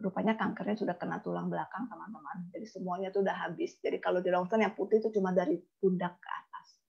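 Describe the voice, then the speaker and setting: A woman insurance agent tells an emotional personal story and acts out the dialogue as she goes. Her voice is husky with a gravelly edge. The recording sounds dull and lo-fi. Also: on the low side, steady tone, fast. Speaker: insurance agent giving a talk.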